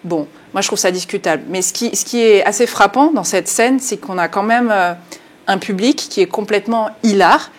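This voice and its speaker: A woman journalist and author speaking as a guest in a studio interview, earnest and often halting, with frequent fillers and restarts. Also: medium pitch.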